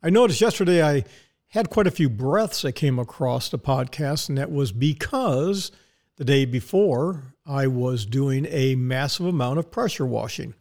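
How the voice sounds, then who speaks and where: A man's voice: mid-range voice, animated, a little slow, a little mellow. Folksy man hosting a podcast monologue. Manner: folksy, rhetorical questions he answers himself. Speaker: podcast host. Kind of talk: casual monologue talk.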